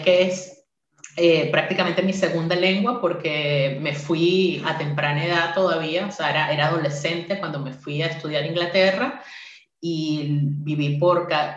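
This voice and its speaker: Speaking in a deep voice, a university English teacher in her forties with Spanish as her native tongue delivers an online conference talk to a workshop, friendly and interactive, with many "eh" fillers. Echo fills the room, and the top end of the sound is missing.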